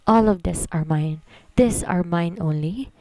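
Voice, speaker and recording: A woman voicing a possessive, brooding rich young man in a soft, insistent tone. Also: lowish voice, takes it slowly, dry recording.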